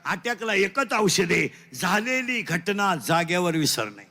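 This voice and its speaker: A man with a Marathi accent giving a comic devotional sermon, loud and teasing, quizzing his listeners in call-and-response and mixing in broken English lines. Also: sits high, sing-song, slow pace, slight background noise. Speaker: kirtan preacher.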